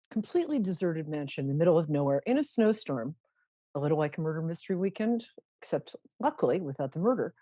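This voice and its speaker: A woman's voice: deep voice, dark tone, no echo, dull audio. A woman hosting a live psychic show in a chatty monologue, with a campy, theatrical, drag-queen-like delivery and playful, tongue-in-cheek grandiosity. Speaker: psychic radio show host.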